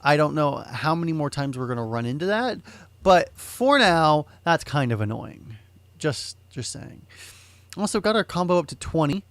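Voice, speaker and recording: A man's voice: a little high, big pitch swings, moderate pace, a bit bright, no echo. A man hosting a let's play, giving casual gameplay commentary with a blunt manner, swearing and exclaiming.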